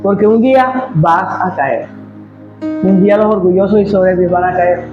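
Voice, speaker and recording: High-voiced man preaching emphatically. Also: normal speed, reverberant, highs cut off, music in the background. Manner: emphatic, asks the congregation questions. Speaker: pastor. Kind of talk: sermon. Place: church.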